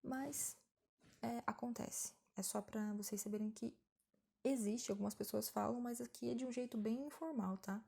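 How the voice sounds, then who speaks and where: Brazilian woman teacher, casual lesson delivery, gravelly low-key timbre, chatty and patient. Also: normal speed, dark tone. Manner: chatty, explains patiently with frequent tag questions. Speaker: English teacher. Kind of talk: casual online English lesson.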